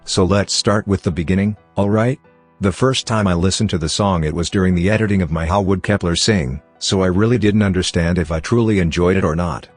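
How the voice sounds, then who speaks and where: A computer-generated male voice with a deep, slightly husky tone reads a scripted commentary. Its delivery is even and machine-like, and soft music plays faintly behind it. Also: brisk, no room sound. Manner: even synthetic read-out delivery. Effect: text-to-speech robot voice. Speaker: channel host.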